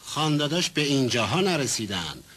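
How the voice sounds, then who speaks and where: An actor playing a calm, polite man who smooths over quarrels. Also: mid-range voice, slight background noise. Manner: soothing, apologetic. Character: calm, polite male family mediator.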